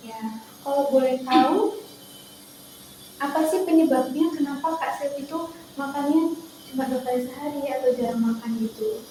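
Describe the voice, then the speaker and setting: A woman's voice: high-pitched, fairly even intonation, normal speed, long pauses, warm tone. A young woman, a nutrition student, politely asking questions and summarizing in a counseling interview. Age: young adult. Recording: very echoey room with faint noise.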